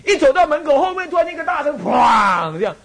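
Speaking rapid-fire in an extremely high-pitched voice, a temple abbot and Buddhist monk with a Taiwanese Mandarin accent delivers a dharma talk. He fills it with personal stories, repeats phrases, and chuckles while telling them.

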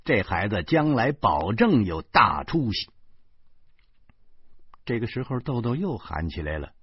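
Husky, lively male audiobook narrator. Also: fairly low pitch, measured pace, dry recording. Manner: lively, comic storytelling with big swings. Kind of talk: first-person novel reading. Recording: dull lo-fi recording.

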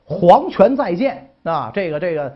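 Folksy scheming old-time duke, as a storyteller puts him on, husky and lively. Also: male voice, sits high, measured pace, muffled recording, voice pushed up, full character voice. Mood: scolding. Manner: colloquial, mock-humble. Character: ancient male duke, sly and pleading.

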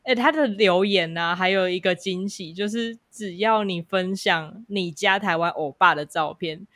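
A woman's voice: lowish voice, normal speed, a bit bright, no echo, studio quality. A woman with a Taiwanese Mandarin accent co-hosting a casual podcast conversation. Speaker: podcast co-host.

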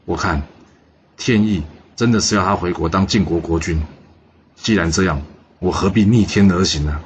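A calm, generous male ancient king, as a storyteller puts him on, unhurried and reassuring in how he speaks. The voice runs fairly low, on a slightly dull recording with faint hiss. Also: close to an everyday voice. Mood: easygoing.

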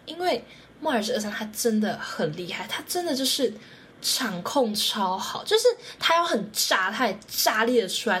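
A young woman hosting her own podcast, telling a story in a casual, animated way, her voice jumping high when she quotes her own excitement. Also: a little hiss or hum. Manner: animated, jumps to high squeals when quoting herself. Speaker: podcast host.

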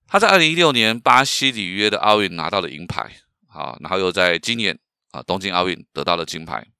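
Lively, bright-voiced male podcast host. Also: sits low, a little fast, clean tone, no room sound, clean studio sound. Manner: storytelling with frequent fillers and rhetorical questions. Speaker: podcast host and professional speaker. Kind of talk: solo podcast talk.

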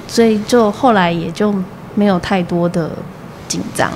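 A woman's voice: mid-range voice, slight background noise. A woman, a mother telling her baby's story in casual conversation and acting out what the doctor said. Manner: animated storytelling, acts out the doctor's slow replies. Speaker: guest, mother of a premature baby.

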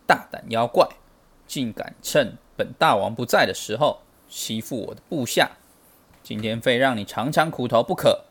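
A man's voice: medium pitch, moderate pace, fairly bright tone, husky. A man voicing a cocky, heroic male Monkey King who talks in a boastful, teasing way for a children's storybook. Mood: commanding.

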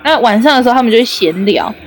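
A young woman with a Taiwanese Mandarin accent tells a casual personal anecdote. Her voice sits a little high, and she talks in a loose, chatty way, leaning on filler tags as she goes. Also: animated, quick pace. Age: young adult. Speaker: storyteller.

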